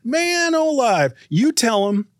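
Folksy old-timer, played by a man, high and drawling. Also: very animated, slow, no echo, clean studio sound, exaggerated voice.

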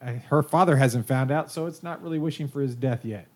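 A man's voice: medium pitch, a little fast, a little mellow. A man chatting casually and playfully as a player in a tabletop game. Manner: playful bantering. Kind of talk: casual chat.

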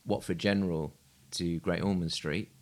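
A man interviewing on a podcast, asking gentle probing questions and giving short affirmations. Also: low-pitched, fairly even intonation, normal speed. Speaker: podcast co-host.

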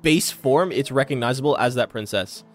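A man running a tabletop game as game master, talking in a halting way with many pauses and restarts. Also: medium pitch, soft background music. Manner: halting, lots of ums and restarts.

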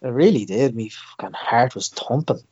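A man's voice: medium pitch, animated, normal speed, dark tone, slightly rough, muffled recording. A man with an Irish Dublin accent co-hosting a podcast, telling stories in casual, sweary chat. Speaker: podcast co-host.

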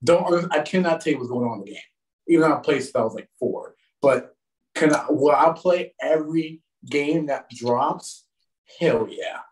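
A man chatting casually as a podcast guest, animated and laughing often. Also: a little high, moderate pace, recorded from a distance, low-quality recording. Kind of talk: casual chat.

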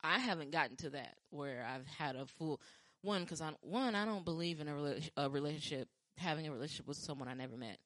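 Woman, low and mellow, casual rambling chat with restarts, dry close sound. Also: fast, few pauses, no echo. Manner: rambling, with frequent restarts and filler; acts out quoted lines with lively pitch jumps. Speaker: podcast talker sharing dating stories.

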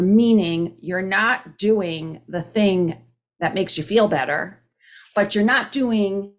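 Earnest woman in her fifties sharing. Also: mid-range voice. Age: 50s. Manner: earnest, conversational, with frequent restarts and fillers. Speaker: recovery meeting speaker. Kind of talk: personal share at a recovery meeting. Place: home, speaking on a video call. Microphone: video call microphone.

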